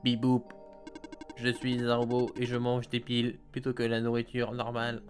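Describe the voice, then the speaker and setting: A man's voice: medium pitch, monotone, normal speed, soft background music, close to an everyday voice. A man putting on a stiff robot voice with beeps, voicing a cheerful male robot while playing a game. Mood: playful. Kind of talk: playful voice during a game playthrough.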